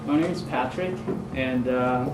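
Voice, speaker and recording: A young man presents to a community group. He halts often, filling gaps with ums and restarting phrases. He was picked up from far off in a roomy meeting room with steady background noise. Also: medium pitch, measured pace. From Hong Kong. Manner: hesitant, many fillers and restarts. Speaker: student presenter. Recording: roomy, distant mic, noisy.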